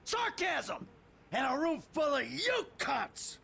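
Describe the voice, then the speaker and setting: A man playing a bitter, sarcastic retired middle-aged criminal in a video game cutscene, prone to shouted rants. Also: sits high, sing-song, normal speed, a little hiss or hum. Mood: ranting.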